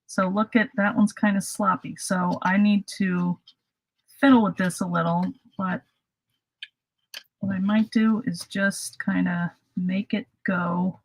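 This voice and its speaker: A woman's voice: medium pitch, steady tone, slow pace, low-quality recording. Chatty woman hosting a craft demo. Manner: chatty, self-deprecating, laughs at her own slips. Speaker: craft host. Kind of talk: casual live craft demonstration.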